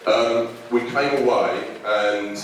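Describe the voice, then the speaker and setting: A man, a council official, giving a measured, conciliatory reply to a resident at a public meeting. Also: mid-range voice, fairly even intonation. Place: large hall. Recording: echoey hall from far off, noisy.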